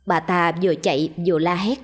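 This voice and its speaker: Low-voiced woman narrating a ghost story. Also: moderate pace, breathy edge. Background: faint music.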